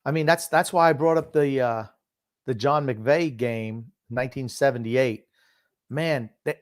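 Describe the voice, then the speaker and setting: A man's voice: medium pitch, no echo. An older man talks sports casually in a mid-range voice. He gives firm opinions, drifts into reminiscence and repeats key phrases for emphasis. The sound is dry, with hardly any room. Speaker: sports talk show host known as the grumpy old man.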